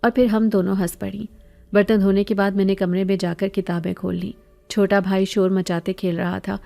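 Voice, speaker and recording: A woman narrating a first-person horror story in a measured, even storytelling manner. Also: mid-range voice, gravelly, faint music behind.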